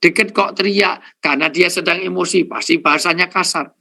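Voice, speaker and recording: Male preacher, gravelly, bright tone, slightly high voice, jokey, addresses the crowd, counts off points. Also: fairly even intonation, a little fast. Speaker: Islamic preacher. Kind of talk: humorous sermon to a live audience.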